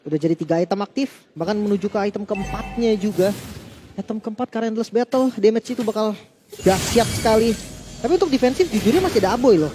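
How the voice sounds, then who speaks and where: A man's voice: high voice, lively intonation, quick pace, over music. A man with an Indonesian accent giving conversational live esports commentary. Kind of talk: lively conversational match commentary. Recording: noisy live broadcast.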